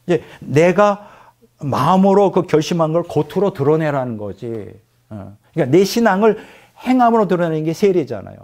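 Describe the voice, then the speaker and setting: A man's voice: a little high, moderate pace. A male pastor preaching a storytelling sermon who keeps putting questions to his congregation. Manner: animated, addresses the congregation with questions.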